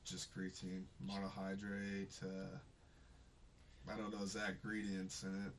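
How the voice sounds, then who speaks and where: A man's voice: low-pitched, completely flat delivery, measured pace, recorded from a distance, a little hiss or hum. A young adult man, a police officer under questioning, answering hesitantly and repeating himself.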